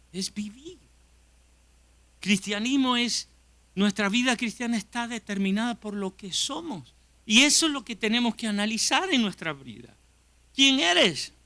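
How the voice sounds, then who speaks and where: A pastor with a rather high voice, delivering a sermon in a strikingly forceful, intense tone. He preaches with passion and keeps turning to his listeners with questions. The sound is dry and close. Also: no echo. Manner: impassioned, emphatic preaching with direct questions to the congregation. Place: church.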